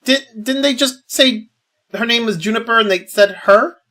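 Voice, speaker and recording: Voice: mid-range voice, moderate pace, sharp tone. A streamer giving casual playthrough commentary, muttering to themselves and sometimes swearing. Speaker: video game streamer.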